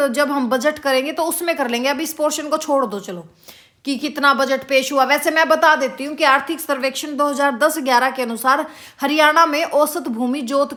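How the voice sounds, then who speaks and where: High-voiced woman teacher drilling facts. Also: fairly bright tone. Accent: Haryanvi-tinged Hindi. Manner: repeats questions slowly, drills facts; addresses students as beta. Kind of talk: exam-prep lesson.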